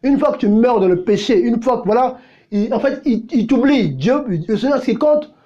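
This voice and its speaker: Man, pastor preaching, blunt and confrontational, high-pitched, dull lo-fi sound. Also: lively intonation, moderate pace, dark tone. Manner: confrontational, fires rhetorical questions at listeners; blunt and unpolished. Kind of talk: sermon.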